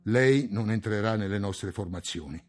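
A man reading an audiobook, voicing a calm, patient man with a gently ironic manner. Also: lowish voice, moderate pace, faint music behind, close to an everyday voice.

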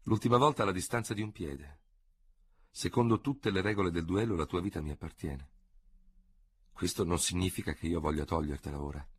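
A man's voice: deep voice, no echo, clean studio sound. A man voicing a dignified general in a radio audiobook, speaking coldly with grave mockery. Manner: cold, measured, gravely mocking. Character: cool, ironic male general, dignified.

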